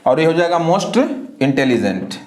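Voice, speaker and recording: A man teaching an English grammar lesson, who asks questions and answers them himself, slow and deliberate, often spelling words letter by letter. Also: a little high, very animated, darkish tone, reverberant, slight background noise. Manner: slow and deliberate, repeats filler phrases.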